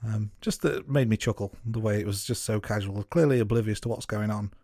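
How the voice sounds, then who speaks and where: A man co-hosting a podcast, giving measured, note-by-note commentary on a film. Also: lowish voice, mellow, dry recording, clean studio sound. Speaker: podcast co-host. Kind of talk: casual film review chat.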